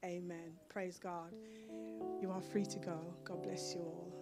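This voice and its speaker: A woman's voice: on the low side, flat delivery, unhurried, creaky. Woman praying fervently over music. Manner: fervent, repetitive praying, rising in intensity. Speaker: church minister closing the service. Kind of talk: prayer. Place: church hall stage. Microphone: handheld mic.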